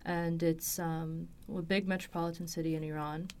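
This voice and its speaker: A woman in her 20s from Los Angeles tells a personal story as an interview guest in a recording studio, hesitantly piecing her thoughts together. Her voice is lowish, level, a little mellow, and moderately paced, with a little hiss or hum in the recording.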